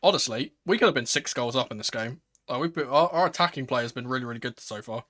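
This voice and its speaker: A man commentates on a live football match as a watchalong host. He talks casually like a fan, excitable in his reactions, moving between low-key play-by-play and raised exclamations. His pitch sits at an ordinary male level. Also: fast.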